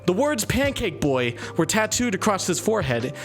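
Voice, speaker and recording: A man's voice: high-pitched, big pitch swings, normal speed, faint music behind. A man hosting and narrating a comedic story reading, playful and laughing at his own writing.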